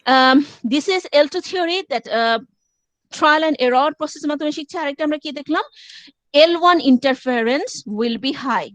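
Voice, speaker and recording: A woman's voice: high voice, slow pace, dry recording. A woman lecturer, explaining step by step in a class and mixing in English phrases. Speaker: university lecturer.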